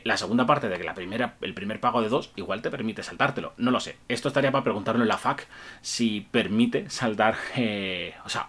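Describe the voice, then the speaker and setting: His voice is lowish and a bit bright. Reviewing tabletop wargame rules to camera, he explains them enthusiastically, chuckles often, and keeps saying "eh" and "vale," with the sound of a desk webcam in a small room.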